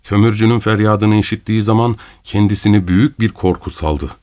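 A man narrates an audiobook at a steady, measured pace. His voice sits fairly low, and the recording is dry and close, with no room sound at all. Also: no echo.

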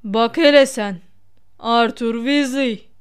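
A woman reading aloud as Lucius Malfoy, a haughty, sneering wizard aristocrat, in a clear, slightly lower voice. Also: slow pace. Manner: sneering, mocking.

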